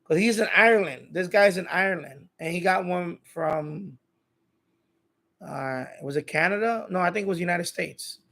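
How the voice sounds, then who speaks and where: At a normal speed, a man with a high, gravelly, slightly bright voice hosts a relaxed live stream for his radio hobby channel. He rambles informally to his chat, often repeating his phrases.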